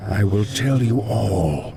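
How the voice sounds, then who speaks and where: An actor playing a sinister ghost of a dead necromancer in a fantasy video game, speaking telepathically in a breathy, ghostly whisper. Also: male voice, deep voice, slow pace. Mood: sinister, secretive. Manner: whispered telepathic voice heard inside the mind. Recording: dramatic music behind the voice.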